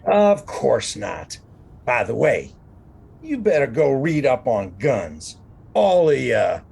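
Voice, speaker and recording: A woman doing a gravelly drawling Western sheriff. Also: extremely low pitch, very animated, slow, a little mellow, pitched below the performer's own voice, heavily acted. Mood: dry. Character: gruff laconic male Western sheriff, middle-aged. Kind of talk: radio drama acting.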